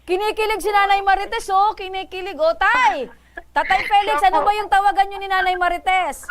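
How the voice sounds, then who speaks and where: A woman hosting a radio call-in program, mediating between callers with brisk, probing and teasing questions. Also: very high voice, fairly even intonation, background noise. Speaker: host.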